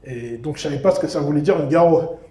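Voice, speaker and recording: Young french guy doing stand-up, high-ish mellow voice, roomy club echo. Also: fast talker. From Seine-et-Marne, France. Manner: self-mocking storytelling. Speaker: stand-up comedian. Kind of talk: stand-up comedy. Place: comedy club stage.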